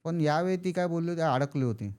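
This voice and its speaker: A man's voice: a little high, fast talker, a little mellow, clear, resonant tone. A man telling a horror story casually, acting out the characters' lines. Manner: acts out characters' lines in quoted speech. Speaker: podcast guest storyteller.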